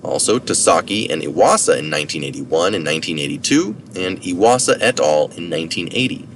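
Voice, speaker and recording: He has a deep, expressive voice and reads a little fast as he narrates a science article. Informal asides cover the citations, and now and then he corrects himself. The recording comes from a distant mic, with noticeable noise behind him.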